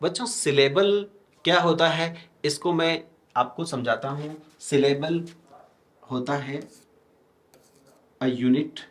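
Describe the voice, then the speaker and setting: A man's voice: fairly high pitch, slow pace, long pauses. A male teacher giving a classroom lecture with an Indian English accent. He explains step by step, keeps asking his students questions and answering them himself, and writes on a board as he talks. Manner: writes on a board while talking.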